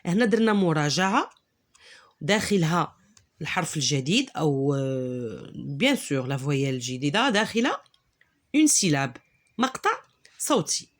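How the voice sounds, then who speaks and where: A woman's voice: low-pitched, sing-song. Patient Moroccan woman teaching reading. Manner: slow, drawn-out syllable drills, patient and encouraging. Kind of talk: reading lesson, code-switching.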